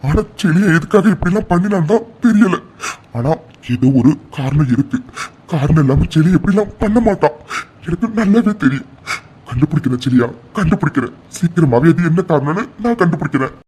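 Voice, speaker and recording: A man voicing a humble, uneducated middle-aged village uncle who is proud and loving, with a husky voice. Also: fairly high pitch, lively intonation, brisk, mellow. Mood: determined. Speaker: uncle of the family. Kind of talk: cartoon voice acting.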